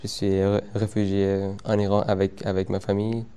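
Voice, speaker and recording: A man's voice: lowish voice, monotone, dark tone, clear, resonant tone. Stuttering young man. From Afghanistan. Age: young adult. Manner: stutters, many repeated words and pauses. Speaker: interviewee. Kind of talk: testimony interview.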